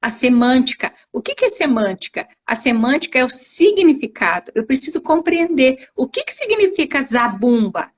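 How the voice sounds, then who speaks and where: A woman's voice: high-pitched, very animated, moderate pace, hardly any pauses. A woman teacher giving explanatory interview answers, working through step-by-step examples and often checking in with tag questions. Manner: didactic, spells out examples, frequent tag questions. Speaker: teacher, invited guest. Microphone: video call on a live stream.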